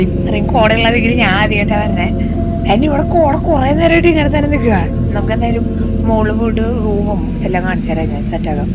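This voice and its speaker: A woman talks over clearly audible music in a casual travel-vlog style. Her pitch sits in the middle for a woman. She speaks colloquially, drops English words into her sentences and breaks into exclamations. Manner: mixes English words into Malayalam. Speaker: travel vlogger. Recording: loud background music.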